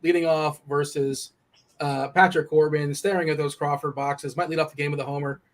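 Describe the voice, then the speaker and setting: Casually analysing fantasy baseball picks, a young man talks in a slightly high voice with a level tone. It's loose betting chat, full of rambling, self-corrections and quick asides.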